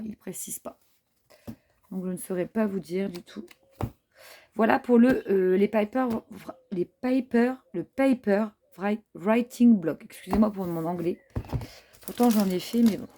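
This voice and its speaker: A woman from France, a craft haul vlogger, presents craft papers in a relaxed show-and-tell chat with many fillers and admiring remarks. Her voice is medium in pitch and dark in tone.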